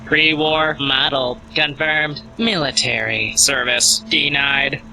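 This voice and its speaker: A man voicing a stiff robot refugee assistance unit, speaking in clipped, monotone machine phrases with a computer-processed voice. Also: mid-range voice, slow, slight background noise, full character voice, poor audio. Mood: mechanical.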